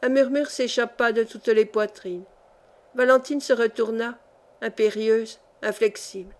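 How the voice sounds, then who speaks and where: Female audiobook reader, fairly high voice, measured dramatic delivery. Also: fairly even intonation. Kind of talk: scripted narration of a historical novel.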